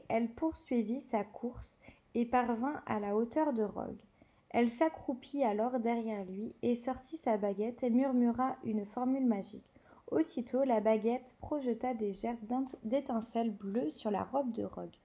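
A woman's voice: on the high side, dark tone. A woman reading a novel aloud, with occasional slips and self-corrections. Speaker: reader.

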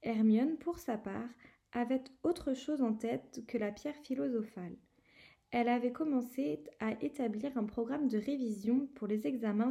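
High-voiced woman reading a novel aloud. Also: creaky, mellow. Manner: gives characters slightly raised voices, frequent slips and restarts. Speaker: reader.

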